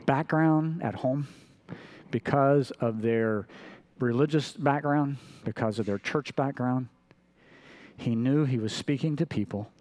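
Guy preaching a sermon, acts out the bible quotes, gets loud then soft. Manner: storytelling, acting out quotes with shifting pitch and loudness. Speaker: pastor.

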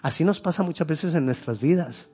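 A man preaching with a fairly high voice, his delivery swinging between loud, fervent peaks and quiet, intimate murmurs. At times he relaxes into homely storytelling. A soft music bed plays under his words. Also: expressive, fairly quick, breathy edge. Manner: tells a homely story in a conversational way. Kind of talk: sermon.

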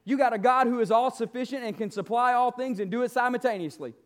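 A man's voice: very high voice, quick pace. A male pastor delivers a church sermon. He exhorts and motivates, leaning on emphatic repetition and calling for agreement. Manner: exhorting, motivational, seeking amens from listeners; emphatic, repeats key phrases.

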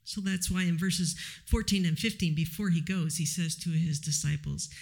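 A man preaching a sermon, reflective and measured, teaching with pauses. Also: on the high side, steady tone, gravelly.

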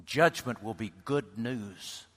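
A man preaching a sermon to a congregation, swinging between loud calls and near-whispered lines. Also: on the low side, expressive, slow, breathy edge. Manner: builds to loud shouts, then drops to a hush. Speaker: pastor. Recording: reverberant hall.

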